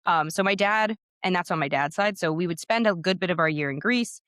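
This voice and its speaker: Clean studio sound with no echo captures a woman in her thirties whose fairly low, slightly bright voice moves fairly quickly. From Pennsylvania in the United States and carrying a Pennsylvania American accent, she chats casually in an interview as a guest author and podcaster, talkative and sprinkling in "like" and "you know."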